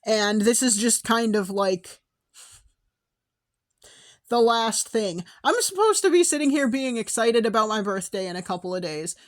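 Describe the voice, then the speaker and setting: A young woman with a slightly high voice, talking alone into a home mic. She rambles, second-guesses herself and laughs often, and her voice is wearing thin and hoarse. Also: lively intonation, measured pace. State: losing her voice. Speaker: podcast host. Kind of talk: casual personal monologue.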